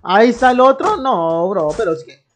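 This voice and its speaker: A woman's voice: fairly high pitch, animated, moderate pace, background noise. A young woman from Colombia, live-streaming a game and hyping up her chat in slangy banter. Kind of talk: live gameplay commentary.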